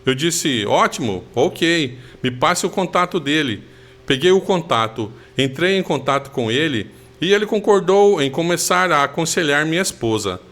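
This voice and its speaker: Man, higher-pitched speaking voice, giving a steady earnest personal testimony. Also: moderate pace.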